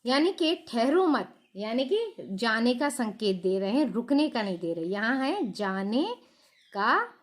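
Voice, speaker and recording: A middle-aged woman teacher giving a patient grammar lesson to children, asking questions and repeating the key points. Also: high voice.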